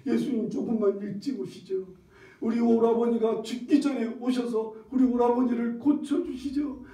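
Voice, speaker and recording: A man's voice: very high voice, fairly even intonation, normal speed, dark tone, voice pushed up. A man voicing a grieving young woman who reproaches Jesus as she pleads, in an echoey hall heard from far off. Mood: reproachful.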